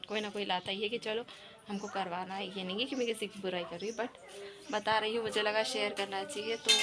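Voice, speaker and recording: A woman's voice: mid-range voice, gravelly. A woman talking casually to her viewers in a home vlog, chatty and pleading for likes. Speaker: vlogger.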